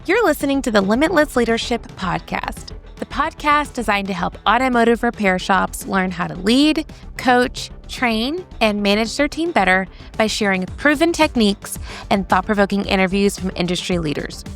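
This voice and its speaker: A woman's voice: mid-range voice, expressive, normal speed, soft background music. A woman reading a polished, scripted podcast introduction. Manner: polished, promotional. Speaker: show intro announcer.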